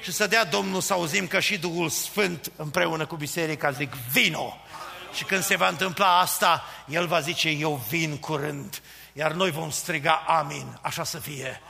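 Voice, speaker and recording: A man preaching a fervent sermon, building from quiet pleading to shouted proclamations. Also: fairly high pitch, creaky. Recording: long reverb of a church hall.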